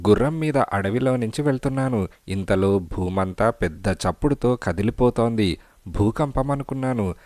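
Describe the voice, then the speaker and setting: A man's voice: fairly low pitch, a little mellow, dry recording, clean studio sound, lightly acted. A man voicing a bold, boastful young hero in a cartoon storybook, talking with confidence and defiance. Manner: boastful, then defiant and commanding. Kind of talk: storybook character voice.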